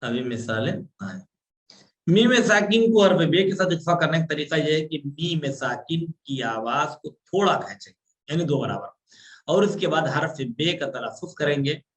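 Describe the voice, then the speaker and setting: A man's voice: a little high, lively intonation, moderate pace, a bit bright. A man teaching an online class on Quran recitation, patiently explaining rules step by step and drawing out sounds to demonstrate.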